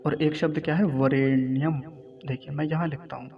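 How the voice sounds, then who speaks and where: A man's voice: fairly high pitch, fairly even intonation, quick pace, gravelly, highs cut off, a little hiss or hum. A man teaching the correct pronunciation of Sanskrit verses, drawing out each syllable and asking his class questions as he goes. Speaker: Vedic recitation teacher. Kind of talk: pronunciation lesson.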